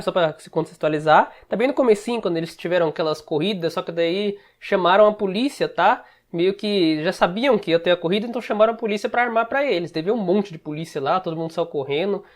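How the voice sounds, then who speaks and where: A man with a Brazilian Portuguese accent teaches English in a relaxed, conversational way. He breaks each phrase down step by step and keeps checking in with short asides to his viewers. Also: high-pitched. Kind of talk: casual screen-share lesson.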